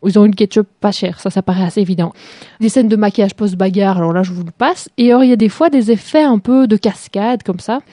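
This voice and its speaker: A woman's voice: mid-range voice, quick pace, dark tone, no room sound. French-talk show lady roasting a cheesy series, sarcastic, laughs a lot, dry mic. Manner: sarcastic, mocking, laughs often. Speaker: show host reviewing a TV series. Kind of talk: casual critical chat.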